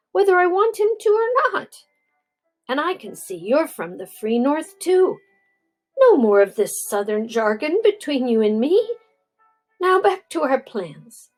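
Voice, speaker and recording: A proud, blunt talking war horse out of a storybook, bossy and a little scornful, as a grandmother reads him aloud. The voice is high and husky, taking its time. It sounds like an older woman putting on a stallion's swagger. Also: heavily acted, low-quality recording. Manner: scornful, bossy, then gently coaxing.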